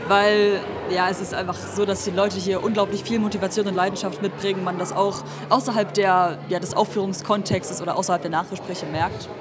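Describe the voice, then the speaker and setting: A woman's voice: medium pitch, steady tone, a little fast, few pauses. A young woman answering interview questions casually, hesitant with many fillers. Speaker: festival participant. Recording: crowd chatter at a busy event.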